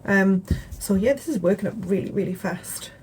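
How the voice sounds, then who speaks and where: A young British woman giving a relaxed, rambling crochet tutorial at home, chatting casually with plenty of fillers. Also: medium pitch, normal speed, slight background noise, rough recording. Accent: British English. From England. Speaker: crochet vlogger. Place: home, indoors.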